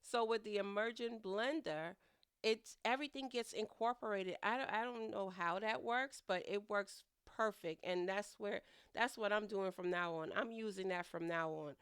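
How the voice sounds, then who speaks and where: In her home kitchen, a middle-aged woman narrates her cooking in a chatty, rambling way, laughing at herself, and she sounds nasal from a head cold. Her medium-pitched voice is a bit bright and clean, at a moderate pace, in a dry, studio-quality recording.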